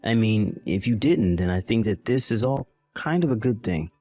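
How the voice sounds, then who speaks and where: A dismissive young husband, voiced by a man, talks down in a low-ish, lively voice in a voice-acted text-message drama. He sounds irritated and belittling. Faint music plays underneath. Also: normal speed, natural voice.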